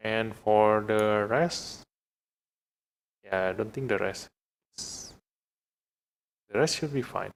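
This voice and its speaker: Thinking aloud in stops and starts, an Indonesian man with an Indonesian accent gives casual live commentary on his game. He has a fairly low-pitched, gravelly voice.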